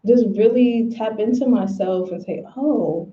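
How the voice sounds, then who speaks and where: A woman's voice: on the low side, steady tone, unhurried, slight background noise. A woman in a casual spiritual conversation, telling personal stories openly and dropping slang into her talk. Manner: candid, storytelling with slang. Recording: roomy, dull lo-fi audio.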